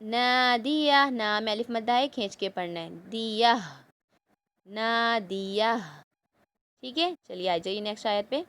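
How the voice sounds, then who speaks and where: A woman teaching an online Quran lesson to children, spelling out letters and vowel marks before reciting each word slowly, then explaining the rules quickly. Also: mid-range voice.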